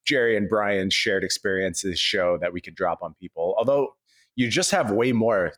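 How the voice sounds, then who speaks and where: A man chatting as a podcast co-host, recorded on an old microphone in a large high-ceilinged wooden kitchen that makes him sound echoey. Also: normal speed, a bit bright. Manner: chatty, playful complaining. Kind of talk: casual podcast chat.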